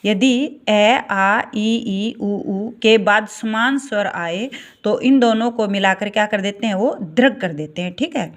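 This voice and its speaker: A woman teaching a Hindi grammar class, spelling out vowel sounds one by one and checking with students as she goes. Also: medium pitch. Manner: slow, repeats "ठीक है" and asks checking questions.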